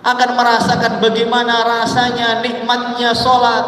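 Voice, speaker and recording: A man preaching a sermon as a lively storyteller, chanting Arabic phrases in a drawn-out singsong. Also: extremely high pitch. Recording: echoey hall, distant mic, faint hum.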